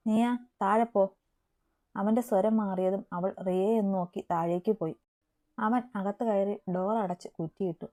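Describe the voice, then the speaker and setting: A woman narrating a romance story in a steady, matter-of-fact reading. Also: medium pitch, moderate pace.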